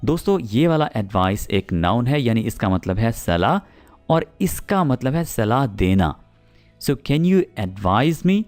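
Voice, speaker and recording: A Pakistani English teacher gives a spoken English lesson, patiently and slowly repeating each example sentence and checking in with "theek hai?" His very animated voice has a darkish tone, its pitch rising and falling a lot as he makes sure students follow, with faint music behind him.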